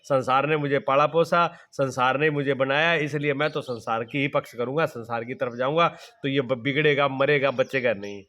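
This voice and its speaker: Speaking at medium pitch and a normal speed with barely any pauses, this middle-aged spiritual teacher has a slightly bright voice. His devotional sermon is repetitive and homespun: he asks himself rhetorical questions, supplies the answers, and keeps repeating simple examples from daily life.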